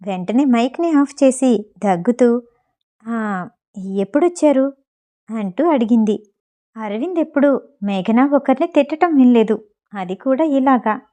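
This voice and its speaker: Mellow woman reading a story aloud. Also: on the high side, animated, moderate pace. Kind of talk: audiobook narration.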